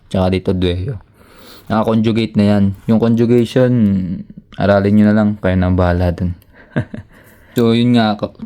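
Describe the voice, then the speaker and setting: A man gives a relaxed grammar lesson in a fairly low, mellow voice. His tone is smooth and clear, and he jokes with his viewers and switches languages to read example sentences. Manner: casual, joking, switches between languages to give example sentences. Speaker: language teacher.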